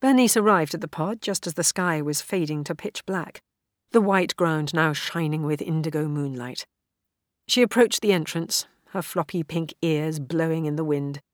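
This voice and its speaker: A woman with a low voice narrates an audiobook in a measured, even way. The recording is dry and close, with almost no room sound. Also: dry recording. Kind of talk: scripted narration.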